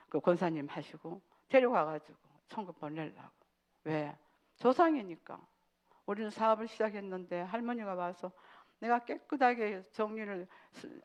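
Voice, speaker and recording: A woman giving a sermon testimony, telling her story with animation and acting out pleading prayers. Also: mid-range voice.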